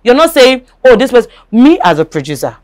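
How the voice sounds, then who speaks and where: A woman with a Nigerian accent hosting a casual talk show, talking in an animated way, repeating herself and asking if you follow. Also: fairly high pitch, fairly quick. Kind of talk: casual chat.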